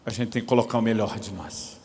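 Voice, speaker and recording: A man's voice: lowish voice, fast talker, darkish tone. A man, preaching a sermon and telling a story with acted quotes and jokes, in an echoey church. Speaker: pastor.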